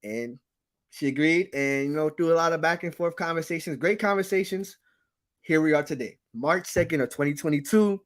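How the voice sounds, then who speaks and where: A male show host with a slightly high voice speaks at a normal pace in casual, playful, slangy chat. He tells stories animatedly and repeats phrases for emphasis.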